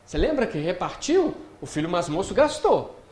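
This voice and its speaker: A man's voice: high-pitched, sing-song, normal speed, darkish tone. A man with a Brazilian Portuguese accent giving a spiritist lecture on scripture, speaking conversationally and often checking in with his audience. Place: lecture hall of a spiritist center. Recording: echoey hall with faint noise.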